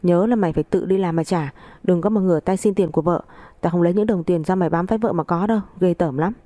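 Woman reading an angry older brother, contemptuous, harsh, low warm voice. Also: quick pace, no echo, natural voice. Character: angry elder brother, the narrator's husband.

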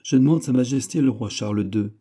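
A man's voice: mid-range voice, fairly quick, mellow, breathy edge, pitched above the performer's own voice, natural voice. A man voicing a bold, boastful musketeer in an audiobook, brash and impatient, swearing as he demands things. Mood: insistent.

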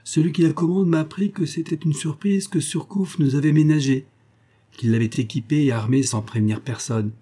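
A bold young privateer officer in an adventure storybook, acted by a man. His voice is dark and a touch husky, and he speaks with earnest resolve. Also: fairly high pitch, normal speed, voice pushed up. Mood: resolute.

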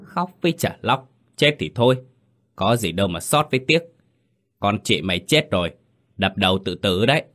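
A man's voice: on the low side, expressive, brisk, a bit bright. A man voicing a callous, harsh village mother in a ghost story reading, snapping and scolding.

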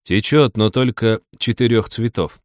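A man voicing a gruff, weary adult male forest ranger who talks in a stern, grumbling, matter-of-fact way. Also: on the low side, measured pace, a little mellow, no echo, studio quality, lightly acted.

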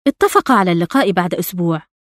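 A woman reading a novel aloud as an audiobook narrator, in a measured, intimate storytelling manner. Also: lowish voice, big pitch swings.

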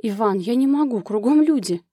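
A woman's voice: medium pitch, slow pace, mellow, no room sound, studio quality. Woman reading as a flustered, breathless young heroine. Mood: flustered alarm.

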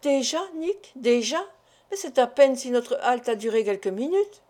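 Fretful timid old doctor, high-ish and pleading, put on by a woman narrator. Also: expressive, moderate pace, mellow, lightly acted. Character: timid, complaining, tired older village doctor, small man.

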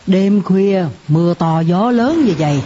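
A woman's voice: mid-range voice, expressive, measured pace, warm tone, a little hiss or hum, lightly acted. An actress playing a worried, ailing middle-aged mother in a radio drama, full of anxious exclamations. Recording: dull lo-fi radio drama recording.

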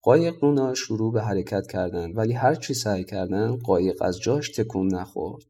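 Male narrator for a folk tale audiobook, calm and measured, warm low-key tone. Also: husky. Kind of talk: storybook narration.

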